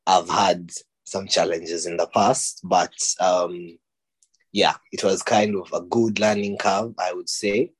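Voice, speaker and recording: Low husky young man from Uganda. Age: young adult. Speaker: podcast guest. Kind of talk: casual interview.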